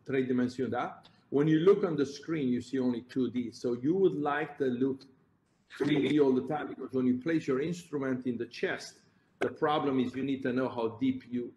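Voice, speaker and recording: A Romanian-accented heart surgeon presents at a conference, walking through each step and correcting himself as he points to his slides. His medium-pitched voice is mellow, with the highs rolled off. The room adds a roomy echo over faint background noise.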